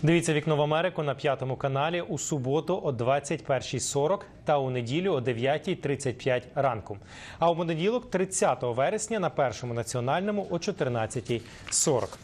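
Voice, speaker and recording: A man presenting a television news program in a measured, formal way. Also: fairly high pitch, expressive. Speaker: news anchor.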